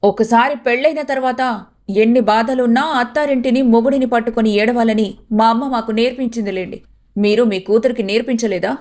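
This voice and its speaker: A woman's voice: fairly high pitch, a little fast, a little mellow, close to an everyday voice. A woman doing a sneering, scornful young wife. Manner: sneering, irritated.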